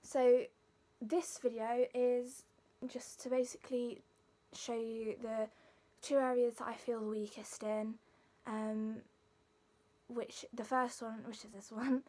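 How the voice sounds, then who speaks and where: A woman's voice: a little high, flat delivery, takes it slowly, mellow. A young woman with a Leicester accent informally explaining exercises to camera as a student. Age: young adult. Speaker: singing student demonstrating vocal warm-ups.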